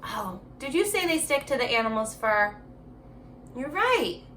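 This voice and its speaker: An elementary school teacher gives a remote reading lesson to young children, alternating slow read-aloud passages with chatty, encouraging questions as if each pupil were right there. Her voice is high and very lively, and she takes her time at a measured pace. A little background noise sits behind her.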